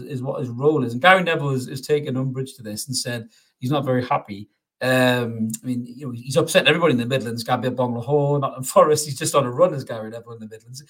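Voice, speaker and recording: A man hosts a loose football chat, swearing freely and laughing along as he talks. His voice sits at an ordinary middle pitch for a man. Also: fairly bright tone. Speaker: podcast host.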